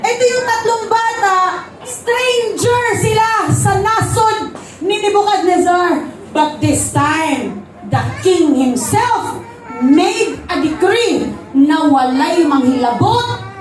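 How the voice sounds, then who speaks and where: A woman pastor preaches in a very high voice and tells stories with animated energy, slipping into English. Her voice echoes through a church hall and is picked up from a distance, with faint ambience behind. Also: takes it slowly, soft background music. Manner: animated storytelling, switching into English. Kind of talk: sermon. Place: church service.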